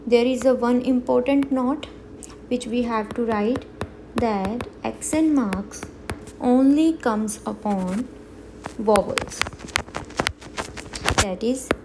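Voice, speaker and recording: Slow-spoken woman teaching beginners. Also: on the high side, noisy background. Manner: slow, careful teaching with repeated example words. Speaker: French teacher. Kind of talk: beginner language lesson.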